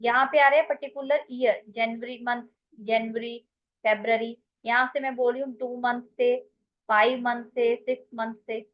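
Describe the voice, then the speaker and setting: A woman's voice: fairly high pitch, steady tone, normal speed, muffled recording. A woman with an Indian English accent teaching English grammar in an online class, mixing Hindi and English and calling her students "beta".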